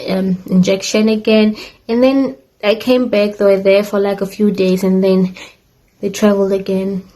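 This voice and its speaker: A chatty young woman rambles through a casual storytime, restarting often and making asides to viewers. Her voice is mid-range with a darkish tone, and the recording is rough.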